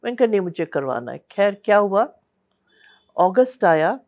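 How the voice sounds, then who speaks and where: Older woman, interview guest, unhurried recollection with quoted dialogue, mid pitch, muffled lo-fi audio. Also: very animated, a little mellow. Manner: unhurried storytelling, quoting others. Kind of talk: personal recollection. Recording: dull lo-fi sound.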